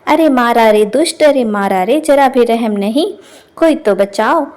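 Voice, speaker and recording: A stubborn, quarrelsome old village wife, put on by a woman storyteller in an animated storybook. She scolds in a high, shrill voice and will not back down. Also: a little slow, lightly acted. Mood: wailing defiant.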